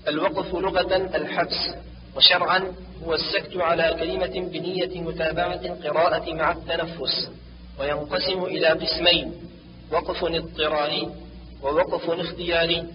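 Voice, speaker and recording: A man teaching the rules of Quran recitation, reading them out and chanting short examples slowly. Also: a little high, flat delivery. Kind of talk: instructional reading. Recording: distant, lo-fi, with long reverb and clear background noise.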